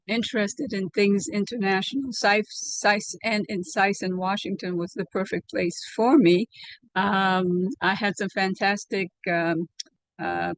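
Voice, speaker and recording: A woman's voice: medium pitch, no room sound. Older woman from Liberia, dry sound. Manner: measured, pausing with many fillers. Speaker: interviewee, alumna. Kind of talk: oral history interview. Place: home room, indoors. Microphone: video call webcam.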